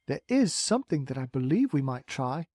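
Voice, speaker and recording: A storybook reader voicing a calm, thoughtful young boy, hesitant at times but firm. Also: mid-range voice, normal speed, slight background noise, lightly acted.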